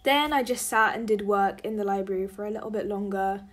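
A woman's voice: mid-range voice, a little fast. Chatty young woman student vlogging. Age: young adult. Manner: chatty, many fillers like "like" and "um". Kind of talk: casual vlog narration.

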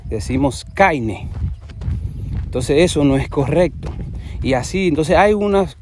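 A Dominican man with a soft Cibao accent talks off the cuff about faith, drifting from point to point and often restarting his sentences. His voice sits a little high for a man yet sounds mellow and dark in tone, with a faint hiss of noise behind it. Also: expressive, normal speed. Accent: Dominican, Cibao region. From Dominican Republic. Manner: rambling, jumps between points, frequent restarts. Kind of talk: unscripted religious commentary to camera.

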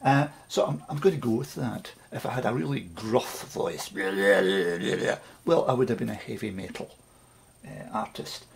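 A man's voice: medium pitch, a little fast, gravelly, slight background noise. A Scottish man chatting wryly through a casual home recording tutorial. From Scotland. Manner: chatty and wry, with asides and self-mocking jokes.

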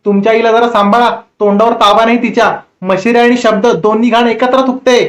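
A man voicing a righteous gentleman passenger who lectures formally. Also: very high voice, little pitch movement, fast talker. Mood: lecturing. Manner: formal, preachy. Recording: roomy echo.

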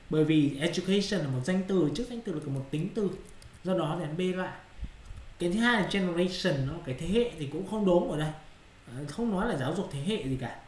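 Speaking in Vietnamese, a man who teaches English explains the answers to exercises with a fairly high, slightly mellow voice. The room is echoey with slight background noise, and he repeatedly checks whether his students understand.

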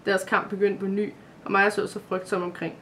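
Storybook reader telling a dramatic kids' fantasy tale, middle pitch, faint noise behind. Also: level tone, fairly bright tone. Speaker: reader of a children's Christmas calendar story. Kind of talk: scripted storybook narration.

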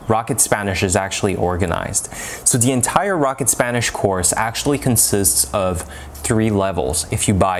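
A young French-speaking man reviews a language-learning product to camera at home, in a room with bookshelves and a lamp. His voice is a bit low, picked up by a lapel mic with slight hiss or hum. He gestures with his hands and speaks casually, using many fillers and restarts.

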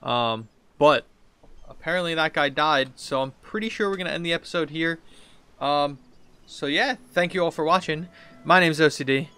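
A man in his thirties hosts a gaming video, chatting in casual slang as he plays, reacting and thinking aloud at a normal speed. His voice is a little high, sharp, and clean, and he's seated at a computer in an indoor room with game music playing.

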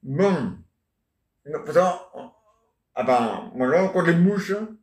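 A man with a fairly high, slightly mellow voice and lively intonation takes his time through an improvised, rambling comic monologue. As an amateur solo performer in an echoey room, he chats, answers imagined listeners, adds questions and leans constantly on "hein?" and "ah ouais".

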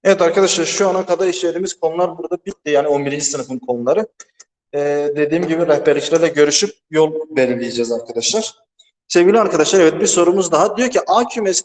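A man's voice: on the high side, fast, darkish tone. A man teaching a math lesson alone in a large empty classroom, explaining step by step and checking in with his students, his voice echoing heavily off the walls. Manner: patient step-by-step explaining, keeps asking "right, friends?". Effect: strong echo of a big empty room. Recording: echoey empty hall.

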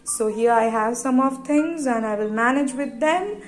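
A woman's voice: high-pitched, normal speed, a little hiss or hum. A woman in her twenties with an Indian accent chats casually as a vlogger, often repeating words for emphasis. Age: 20s. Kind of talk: casual chatty vlog talk. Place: hotel room and small tiled hotel bathroom. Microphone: phone propped a short distance away. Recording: echoey tiled bathroom, distant phone mic.

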